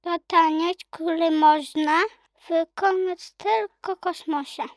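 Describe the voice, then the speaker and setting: Puss in Boots, as a woman voices him, high and French. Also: fairly even intonation, slow, no echo, clean studio sound, full character voice. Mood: gallant. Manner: courtly, grandiose. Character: dashing, theatrical male cat in boots. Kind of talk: children's audiobook.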